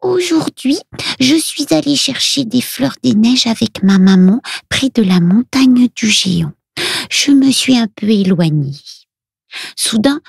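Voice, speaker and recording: A woman's voice: sits high, vocal fry, darkish tone, no echo, studio quality, voice pushed up, exaggerated voice. Woman doing Luna, a little girl. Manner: childlike, earnest. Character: Luna, a tearful little girl, daughter of a witch.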